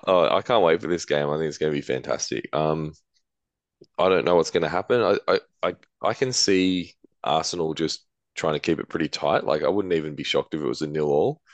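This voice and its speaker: Super deep voiced guy, laid back podcast chat, lots of ums, dry sound. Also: a little fast, no echo. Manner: relaxed, hedging with fillers. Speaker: podcast co-host. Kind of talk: casual chat.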